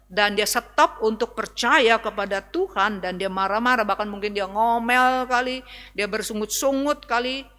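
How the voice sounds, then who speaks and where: Bright-voiced woman pastor in a reverberant church. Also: fairly high pitch, normal speed. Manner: conversational preaching, often addressing the congregation as brothers and sisters. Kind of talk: sermon. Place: church hall.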